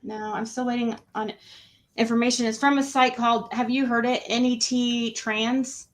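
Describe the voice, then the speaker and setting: A woman hosts a casual true crime livestream panel, asking questions in an informal, rambling way. Her fairly high voice moves little in pitch, at a moderate pace.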